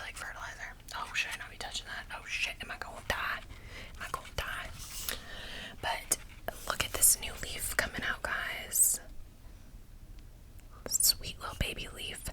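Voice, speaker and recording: A woman's voice: sharp tone, low-quality recording. A young woman whispering a rambling, casual vlog chat full of fillers, close to the mic. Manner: whispering throughout, chatty and rambling with many fillers. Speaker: vlogger.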